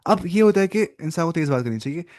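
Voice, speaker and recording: A man teaching an online Arabic lesson, talking fast and putting questions to his learners. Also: fairly high pitch, lively intonation, a little mellow, no echo, studio quality. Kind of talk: online language lesson in Hindi-Urdu.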